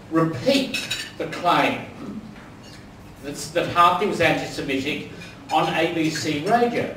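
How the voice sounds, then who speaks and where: In a large dining room, a distant microphone records an older Australian dinner speaker sharing dry, humorous anecdotes and saying um often. His voice is high-pitched, and the echoey, far-off sound carries a little hiss or hum.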